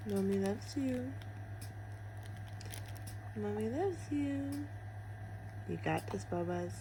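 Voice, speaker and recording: A woman's voice: mid-range voice, lively intonation, slow, background noise. A mother speaking tenderly and simply to her baby.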